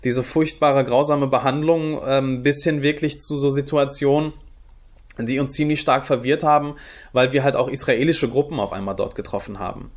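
A man's voice: mid-range voice, fairly even intonation, moderate pace. A young adult man from Germany answering interview questions in a thoughtful way, with many fillers and restarts. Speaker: guest, youth project leader.

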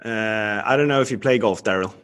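A Swedish man hosts a podcast interview, first reading a scripted intro and then chatting loosely with fillers. His voice is on the low side, brisk and a bit bright, with a clean tone.

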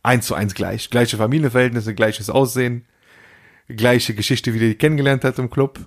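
A man's voice: mid-range voice, moderate pace. A man co-hosting a podcast, telling a story in a casual, slangy way and acting out the people in it. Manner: animated storyteller, acts out phone calls, slangy. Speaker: podcast co-host.

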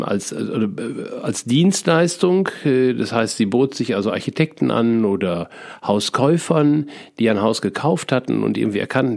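A middle-aged man slowly telling a personal, spiritual life story, reflective and full of small hesitations and restarts. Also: mid-range voice, darkish tone. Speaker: feng shui consultant telling his life story.

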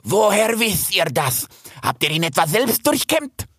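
A man's voice: high-pitched, very animated, unhurried, no echo, clean studio sound, pitched above the performer's own voice, full character voice. A man doing a hot-headed young stag. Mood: angry. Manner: gruff, accusing, shouting. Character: young aggressive male stag guard, grim and pompous.

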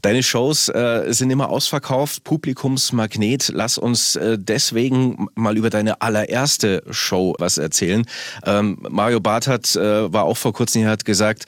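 A male radio host asking a guest chatty, quick questions. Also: on the low side, no echo, studio quality. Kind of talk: radio interview.

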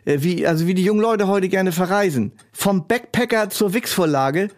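A man's voice: high-pitched, moderate pace. A man trading absurd comedy banter in a hesitant, stammering, fussy way. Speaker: comedy duo partner.

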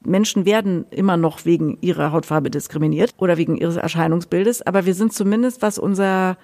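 A middle-aged woman talking candidly in a conversation, outspoken and animated, often restarting her sentences. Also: on the low side, brisk. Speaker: guest, author. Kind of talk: conversational discussion.

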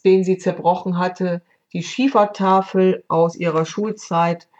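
A woman podcast host narrating a storybook tale in a calm, measured way. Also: lowish voice. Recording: dull lo-fi recording.

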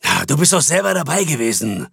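A man voicing a harsh, irritable bank CEO who speaks in a curt, scornful way, with a husky voice. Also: a little high, very animated, a little fast, fairly bright tone, dry recording, studio quality, voice pushed up, heavily acted.

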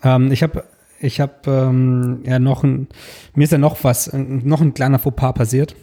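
Young guy on a podcast, dark relaxed voice, just chatting casually. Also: medium pitch, moderate pace. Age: young adult. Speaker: podcast co-host.

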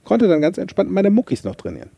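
With no room sound at all, a man who hosts a podcast and coaches rattles off a casual motivational monologue at a quick pace. His high, husky, dark voice swoops wildly in pitch and has vocal fry. He's gabby and self-mocking, telling a story and handing out motivational tips.

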